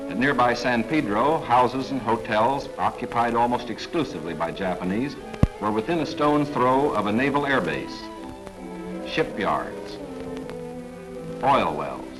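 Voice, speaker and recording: A man giving formal, measured 1940s government newsreel narration. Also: medium pitch, animated, low-quality recording. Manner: formal, measured, authoritative delivery. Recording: narration over clear background music.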